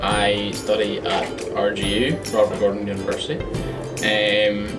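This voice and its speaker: A nineteen-year-old man with a Northern Irish accent, chatting casually in a relaxed way on a vlog. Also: fairly low pitch, a little slow, recorded from a distance. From Northern Ireland, County Antrim. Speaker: student, co-host. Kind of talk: casual chat. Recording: off-mic, music behind.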